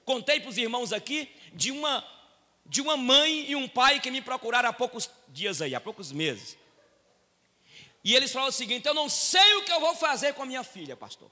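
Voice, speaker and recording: A man with a Brazilian accent preaching a sermon in a church, dropping low and quiet to tell stories, then rising to loud shouted appeals. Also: very animated, a little fast. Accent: Brazilian Portuguese. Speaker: pastor. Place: church hall with long reverb. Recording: echoey church hall.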